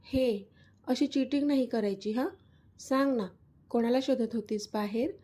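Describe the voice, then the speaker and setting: A woman's voice: fairly high pitch, measured pace, warm tone. A woman voicing a playful young man who teases his partner, in a storybook reading. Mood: teasing. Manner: teasing, coaxing. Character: teasing young man, playful then hurt lover.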